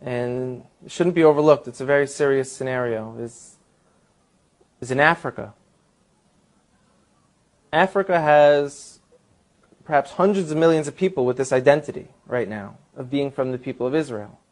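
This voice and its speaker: A man's voice: mid-range voice, normal speed, long pauses. A man answering as a guest, earnestly explaining and building his points step by step. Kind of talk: explanatory talk.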